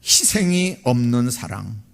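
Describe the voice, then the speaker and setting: A man's voice: sing-song, a little slow, vocal fry. A man who is a pastor, preaching a sermon in a church with impassioned swells and emotional emphasis. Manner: impassioned preaching with big swells in pitch and volume. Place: church sanctuary.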